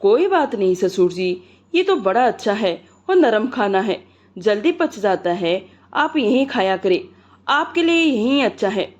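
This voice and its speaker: A woman voicing a deaf young son-in-law who shouts everything cheerfully, in a dull lo-fi recording. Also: medium pitch, sing-song, a little slow. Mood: loud reassuring.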